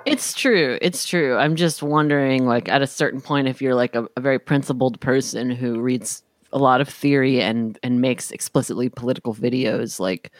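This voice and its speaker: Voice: mid-range voice, moderate pace, hardly any pauses, no echo, clean studio sound. A podcast co-host in casual political chat, meandering and hedging with many fillers.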